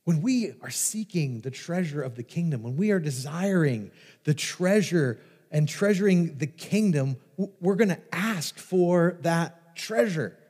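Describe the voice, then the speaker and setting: A pastor preaching a sermon, telling stories with lively restarts and repetitions. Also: male voice, on the high side, unhurried, slightly rough. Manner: animated storytelling with repeated restarts. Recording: long reverb of a large hall.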